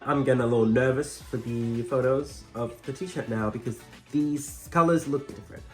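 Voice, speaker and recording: A man talks in a campy drag queen manner at a middling pitch. He chats casually as he demonstrates makeup, with dry, self-deprecating asides. Music plays behind his voice. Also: normal speed. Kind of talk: casual makeup tutorial chat.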